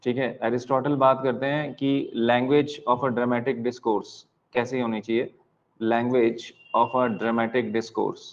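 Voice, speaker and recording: Slow-dictating Indian male teacher. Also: medium pitch, flat delivery, lo-fi sound. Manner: slow dictation, spelling words out letter by letter and repeating key lines; mixes Hindi and English. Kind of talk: online exam-prep lecture.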